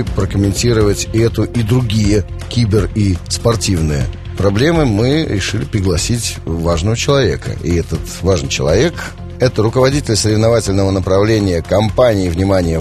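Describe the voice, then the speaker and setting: A man's voice: lowish voice, a little mellow. A man hosting a radio talk show from a studio, interviewing in a conversational way.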